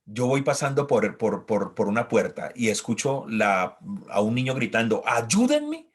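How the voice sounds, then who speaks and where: A male pastor preaching a sermon, acting out pleas and quoted voices and swinging from loud to hushed. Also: on the low side, normal speed, husky.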